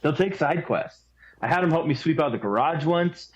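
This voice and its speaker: A man's voice: a little high, expressive, normal speed, lo-fi sound. A man co-hosting a podcast, chatting casually with friends in a laid-back, joking way. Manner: laid-back, jokey storytelling. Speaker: podcast co-host. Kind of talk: casual chat among friends.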